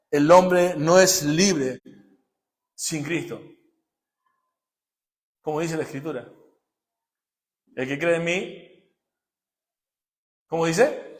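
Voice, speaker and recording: A male pastor, preaching emphatically and questioning his congregation, swinging from loud to hushed. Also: fairly high pitch. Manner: emphatic preaching, rises and drops sharply, asks the congregation questions. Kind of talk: sermon.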